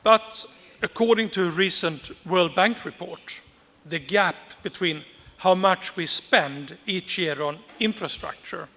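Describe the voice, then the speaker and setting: A man giving a formal prepared speech as a conference speaker, measured and deliberate, repeating key phrases for emphasis. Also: high-pitched, pushed and bright, in a large hall.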